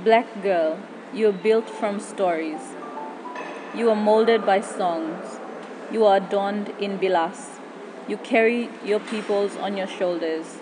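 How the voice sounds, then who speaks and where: A woman with a Papua New Guinean accent recites spoken-word verse in pidgin. Her pitch sits in a middle range for a woman. Clear ambient noise runs behind the recording.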